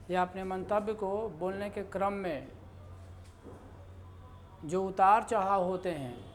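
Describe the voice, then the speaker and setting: A woman gives a grammar lesson at a very unhurried pace, explaining step by step with fillers and repeated example sentences. Her voice sits at a middle pitch, with a faint hum of noise behind her. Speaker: Hindi grammar teacher. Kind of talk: lecture.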